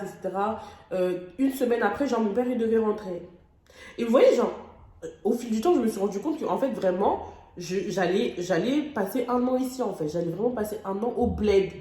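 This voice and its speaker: A young woman vlogger recounts her story with raw, dramatic emotion and loose, slangy phrasing. Her voice sits at an ordinary middle pitch. The sound bounces around an echoey room. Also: darkish tone. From France. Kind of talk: storytime vlog.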